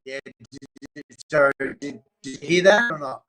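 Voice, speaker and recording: A man's voice: fairly high pitch, normal speed, faint music behind. A man, talking casually as a guest on a video call whose audio warbles and breaks up. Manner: relaxed, swears casually, many ums. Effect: glitchy, warbling video call audio dropping out. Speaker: guest, recovery coach. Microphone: remote video call.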